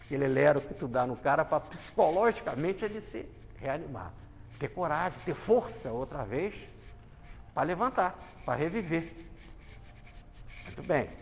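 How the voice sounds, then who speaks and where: A man preaching a sermon, animated, acting out quoted voices and moving between loud and hushed passages. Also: on the high side, moderate pace, vocal fry. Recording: long hall reverb.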